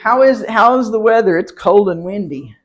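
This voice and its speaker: Speaking at a moderate pace in an animated, mid-range voice, a woman leads a classroom pronunciation lesson for a citizenship class. She repeats words patiently for her students, with light laughter between points.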